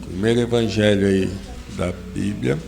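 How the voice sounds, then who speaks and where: A man giving a sermon to a congregation, who starts with slow prayer and grows more fervent as he preaches. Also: lowish voice, steady tone, vocal fry, darkish tone. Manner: prays slowly, then preaches with rising fervor. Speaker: lay preacher. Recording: echoey room with faint ambience.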